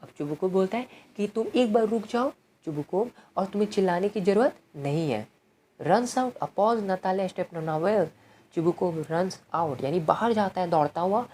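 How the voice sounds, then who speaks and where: A woman's voice: fairly low pitch, warm tone, a little hiss or hum. A woman tutor explaining a play in Hindi, reading each line aloud and then explaining it conversationally. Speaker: English literature tutor.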